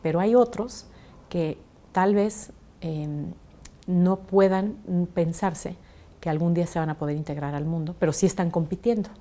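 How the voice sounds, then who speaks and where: Low, mellow-voiced woman, measured. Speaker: interviewee. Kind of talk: interview answer.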